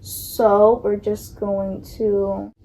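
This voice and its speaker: A woman's voice: medium pitch, flat delivery, extremely slow, mellow, a little hiss or hum, rough recording. A young woman talking casually and nervously through a makeup tutorial, filling her talk with likes and ums. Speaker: beauty vlogger.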